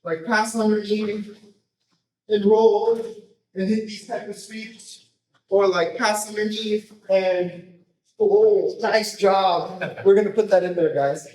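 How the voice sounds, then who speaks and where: A man coaching a jiu-jitsu technique, explaining casually in short, choppy phrases and often checking in with a quick tag question. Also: high voice, steady tone, a little mellow. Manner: informal, choppy phrases with repeated tag "right?". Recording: roomy echo, distant microphone.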